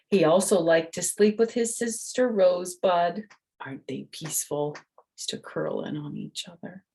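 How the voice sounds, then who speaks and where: An older woman with a lowish voice reads a picture book aloud to children, acting as storyteller and host. She explains things gently, adding chatty asides and questions for the listener.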